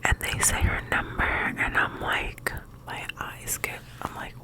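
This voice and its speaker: An ASMR video host, a woman, speaks in a hushed, breathy whisper, quiet as if it were late at night. She rambles casually in halting phrases, like a personal chat.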